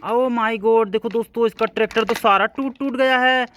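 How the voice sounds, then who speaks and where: A woman's voice: fairly high pitch, fairly even intonation, normal speed, background noise. Coaxing woman narrating toy play. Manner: coaxing, exclaiming to viewers.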